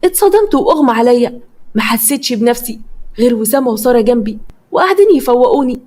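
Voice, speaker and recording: A woman with an Egyptian accent narrating a first-person story with a lively, dramatic telling. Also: fairly high pitch, quick pace. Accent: Egyptian Arabic.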